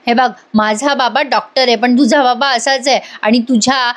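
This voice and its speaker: A woman's voice: fairly high pitch, steady tone, moderate pace, close to an everyday voice. A woman voicing a spiteful young woman who taunts others in a scornful way. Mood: taunting.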